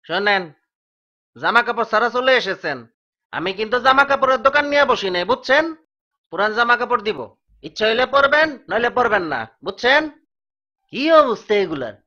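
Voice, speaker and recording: A man's voice: sits high, big pitch swings, brisk, pauses often, sharp tone, dull audio, exaggerated voice. A man playing a grumbling poor servant. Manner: scolding and nagging in dialect. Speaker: servant of the household.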